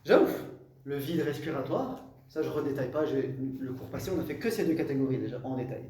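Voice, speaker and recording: A man's voice: mid-range voice, lively intonation, brisk, warm tone. A man teaching a classroom lesson on Arabic letters, explaining step by step, repeating terms and checking in with his students. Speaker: Quran recitation teacher. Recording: roomy echo, distant mic, faint hum.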